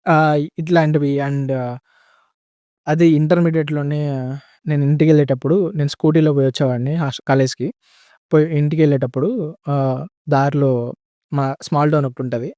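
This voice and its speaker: A man's voice: on the high side, fairly even intonation, moderate pace, pauses often, mellow, no room sound, studio quality. A young man telling stories in a casual podcast chat, mixing in English words and often calling the host "bro". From India. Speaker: guest.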